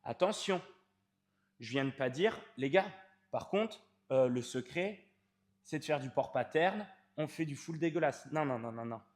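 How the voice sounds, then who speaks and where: A man's voice: fairly high pitch, lively intonation, a little slow. A man, a fitness coach explaining training to the viewer in an informal, emphatic way, stretching key words.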